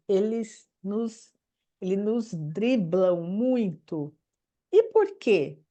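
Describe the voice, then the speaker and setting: A woman's voice: medium pitch, mellow. A woman with a Brazilian Portuguese accent, a teacher and mentor, giving an informal talk and asking her listeners many rhetorical questions. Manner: laughs as she speaks. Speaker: teacher and systemic pedagogy mentor.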